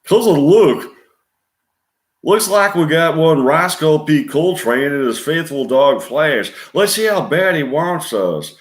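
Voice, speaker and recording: A man voicing an excited young country man with a Southern accent, hollering eagerly from behind the wheel. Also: fairly high pitch, takes it slowly, pitched above the performer's own voice. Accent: American Southern. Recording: roomy echo.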